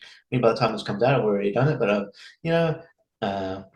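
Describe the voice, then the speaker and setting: A man's voice: lowish voice, expressive. Rambling man in a roomy echo. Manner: rambling, halting, many restarts. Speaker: comedian guest. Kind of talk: casual podcast chat.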